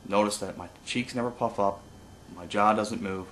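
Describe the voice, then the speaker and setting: A man giving an informal hands-on tutorial as an instructor, explaining haltingly with pauses and no script. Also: fairly low pitch, fairly bright tone, slight background noise. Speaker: duck-calling instructor.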